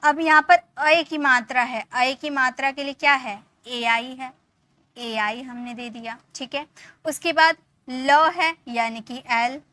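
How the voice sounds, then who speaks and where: A woman from India giving an online lesson as an English teacher, patiently explaining and often checking that the point is clear. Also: sits high, steady tone, slow, bright, forceful tone. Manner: patient, repeats points with frequent check-ins.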